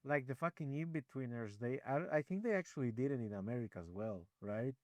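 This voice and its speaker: A man's voice: mid-range voice, lively intonation, a little fast, a little mellow, no echo. A man co-hosting a casual chat, laid-back, swearing freely and calling his friend bro. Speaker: podcast co-host.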